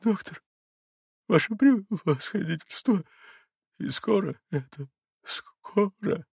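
A man's voice: high voice, expressive, takes it slowly, vocal fry, a little mellow, slightly rough, dry recording, studio quality, pitched above the performer's own voice, heavily acted. A man playing a frantic, pleading poor captain. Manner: pleading, breaking voice. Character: desperate poor middle-aged retired army captain.

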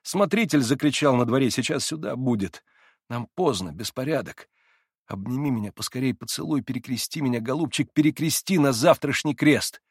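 A feverish young man facing trial, pushing his words out in a raised, pleading voice, as a male reader puts him on. The recording is dry and close, with no room sound. He speaks with an audiobook's steady clarity. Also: medium pitch, normal speed, breathy edge, dry recording. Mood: urgent. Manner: impassioned, urgent, rises to desperate shouts. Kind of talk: audiobook character voice.

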